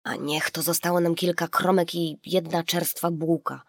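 A woman's voice: lowish voice, little pitch movement, normal speed, no room sound, clean studio sound. A woman doing a weary, distracted dad. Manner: mumbling, absent-minded. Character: tired, distracted working father.

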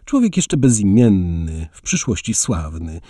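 A man's voice: low voice, big pitch swings, unhurried, warm tone, no echo, clean studio sound, full character voice. A male narrator voicing a boastful, elegant young adventurer who speaks grandly. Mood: cheerful boastful. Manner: bold, grandiose.

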